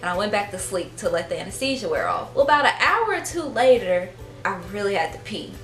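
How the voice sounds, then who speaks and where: A chatty young woman recounts a story in a loose, casual way, peppering it with fillers. Her voice sits at an ordinary middle pitch. The room gives it a roomy echo, with faint music underneath. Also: big pitch swings, fairly quick. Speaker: vlogger.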